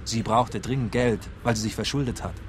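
An actor playing an earnest, insistent and suspicious informant in a radio crime drama. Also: male voice, lowish voice, fairly quick, natural voice. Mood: suspicious, irritated. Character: earnest, suspicious male informant, easily irritated. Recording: outdoor street traffic noise. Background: outdoor urban ambience with vehicles.

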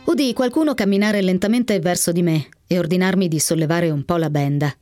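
A woman narrating a memoir in the first person on the radio, with a calm and measured reading. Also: fairly low pitch, no room sound, studio quality, soft background music. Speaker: reader. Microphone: studio microphone.

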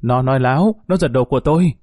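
A man's voice: mid-range voice, quick pace, a little mellow, dry recording, clean studio sound, natural voice. Man voicing the bitter, wronged thief Chót. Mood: indignant. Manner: indignant, aggrieved outbursts.

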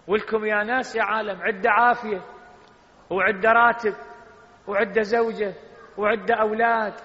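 Impassioned Iraqi preacher in a reverberant hall. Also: male voice, sits high, fairly even intonation, moderate pace, sharp tone. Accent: Iraqi Arabic. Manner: impassioned, reciting scripture with rising emphasis. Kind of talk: sermon. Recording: dull lo-fi sound with long hall reverb.

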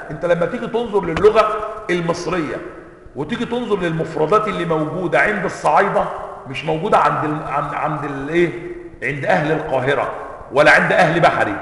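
Fast, bright-voiced Egyptian sheikh lecturing. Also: male voice, a little high. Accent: Egyptian Arabic. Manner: keeps asking listeners rhetorical check questions. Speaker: sheikh teaching a book on Quran sciences. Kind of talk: classroom lecture. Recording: echoey hall with long reverb.

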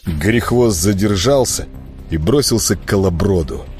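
A man reading a fantasy audiobook, storytelling with lively delivery. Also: deep voice, measured pace, breathy edge, soft background music. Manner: lively storytelling, voicing characters. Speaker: narrator. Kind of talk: audiobook narration.

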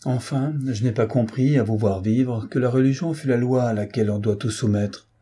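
A man's voice: mid-range voice, steady tone, normal speed, mellow, slightly rough, natural voice. A man voicing an embittered young man reproaching his parents with impassioned bitterness. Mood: bitter.

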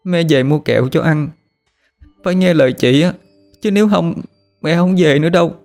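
A man voicing a twelve-year-old girl who coaxes and gently scolds her little brother. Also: a little high, moderate pace, faint music behind, pitched above the performer's own voice, natural voice. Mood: coaxing.

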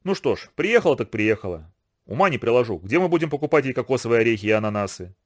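Guy reading a sharp mom, scolds and teases, voice goes way up and down. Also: mid-range voice, sing-song, fast, pitched below the performer's own voice. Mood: scolding. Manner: teasing, scolding. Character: quick-witted working mother, sharp-tongued.

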